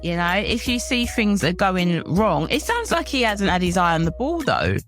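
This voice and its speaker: A woman from London chatting on a podcast, agreeing and exclaiming with gentle laughs. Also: mid-range voice, sing-song, moderate pace, soft background music. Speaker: podcast co-host. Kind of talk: casual chat.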